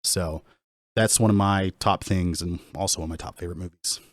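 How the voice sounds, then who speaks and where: A man's voice: deep voice, steady tone, a little fast, no room sound. A man co-hosting a casual podcast, talking in an enthusiastic, rambling way with lots of restarts. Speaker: podcast co-host. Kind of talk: casual chat.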